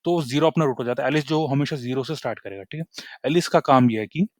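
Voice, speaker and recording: Young man, brisk casual coding tutor, dry close sound, keeps checking that viewers follow. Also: medium pitch, darkish tone, no room sound. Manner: chatty, repeats "ठीक है?" after nearly every point.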